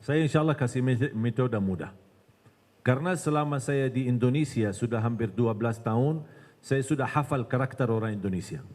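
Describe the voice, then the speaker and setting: A man's voice: mid-range voice, a little fast. A man from Medina giving a religious lecture, telling stories and acting out their dialogue. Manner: animated storytelling, acts out dialogue. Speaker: preacher. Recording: long hall reverb.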